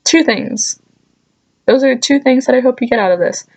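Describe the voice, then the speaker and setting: A woman vlogger with a high-sitting voice tells comedic stories to camera at a normal pace. She keeps it casual, joking and mock-scolding, with dry asides.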